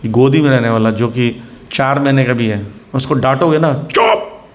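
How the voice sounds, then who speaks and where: Indian preacher mixing in English words. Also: male voice, mid-range voice, moderate pace. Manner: mixes English words, acts out scolding examples. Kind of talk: Hindi sermon. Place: temple preaching centre.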